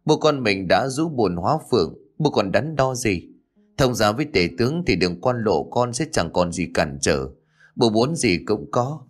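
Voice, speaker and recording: A man playing an ambitious young official in a low voice, coaxing and insistent. He pushes his case in a steady, persuasive way. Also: moderate pace. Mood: pleading.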